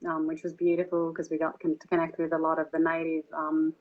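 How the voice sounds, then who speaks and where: A woman from Australia with an Australian accent, telling her story as an interview guest in a relaxed way with fillers. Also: low voice, quick pace, dull audio. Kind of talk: casual interview conversation.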